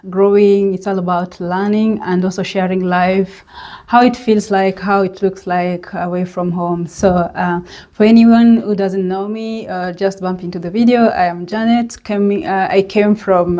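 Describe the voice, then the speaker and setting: A woman with a Kenyan accent speaks in a relaxed, mellow voice at a middling pitch. She talks to her vlog audience in a reflective, searching way, often stopping on an "uh" or "um" before she goes on. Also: muffled recording. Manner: unhurried and reflective, with many hesitant pauses and fillers. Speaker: vlogger. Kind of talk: reflective personal vlog monologue.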